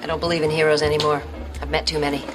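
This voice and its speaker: Sarcastic low-voiced woman, an actress playing her. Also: level tone, racing, close to an everyday voice. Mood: wry. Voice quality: dry, sarcastic wit. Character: sharp-tongued woman facing her old lover. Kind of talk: sitcom acting. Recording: music playing underneath.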